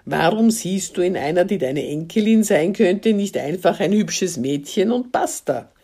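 Woman doing a wry probing woman, dark mellow tone. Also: on the low side, lively intonation, unhurried, slightly rough, heavily acted. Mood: musing. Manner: dry, quietly probing. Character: woman, dry, skeptical, probing questioner.

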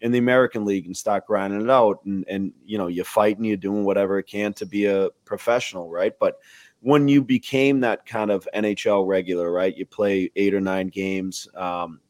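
A man's voice: fairly low pitch, fairly even intonation, moderate pace, a little mellow, dry recording. A man co-hosting a podcast, asking casual questions and often checking in with "right?". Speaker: podcast co-host.

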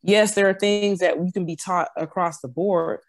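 A woman's voice: fairly low pitch, steady tone, moderate pace, dry recording. A woman in casual conversation, explaining her views earnestly and often stopping to restart a phrase.

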